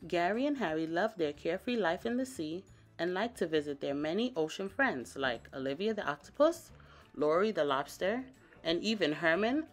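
A woman storyteller with a low-sitting voice reads a children's picture book aloud, giving it expressive, dramatic emphasis.

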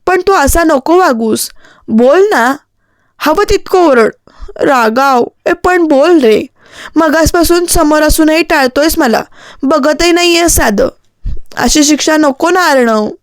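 A woman voicing an apologetic young woman who pleads softly in a storybook reading. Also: high voice, animated, takes it slowly, no echo, clean studio sound, voice pushed up. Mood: pleading. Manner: pleading, soft.

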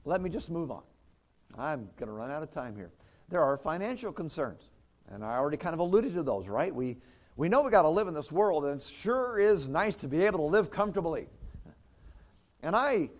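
Conversational pastor, fairly high voice. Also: male voice, big pitch swings, fairly quick. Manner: conversational preaching with chuckles and restarts. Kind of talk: sermon.

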